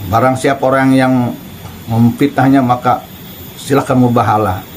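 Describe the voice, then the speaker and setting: A man's voice: mid-range voice, fairly even intonation, moderate pace, slight background noise, rough recording. A man giving casual online commentary, challenging his target with mocking questions and chuckling between the jabs. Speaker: religious commentator.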